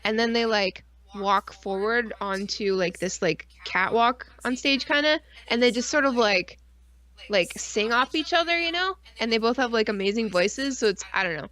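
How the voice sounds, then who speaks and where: A woman co-hosts a casual podcast chat, her voice fairly high and moderately paced. She rambles and swears freely, telling animated stories and acting out asides.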